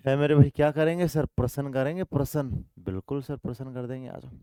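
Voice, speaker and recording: Male math teacher, call-and-response style, repetitive, smooth clear voice, dry close sound. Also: mid-range voice, steady tone, fairly quick, warm tone, dry recording. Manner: repetitive call-and-response, puts answers in students' mouths; affectionate coaxing, calls students 'my dear brother'. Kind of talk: online exam-prep math lesson.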